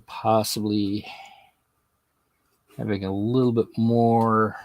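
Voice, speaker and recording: A man hosting a hobby livestream, talking slowly and haltingly as he works on a craft project. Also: lowish voice, level tone, a little mellow. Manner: slow, halting, thinking aloud while working. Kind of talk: casual livestream commentary while crafting.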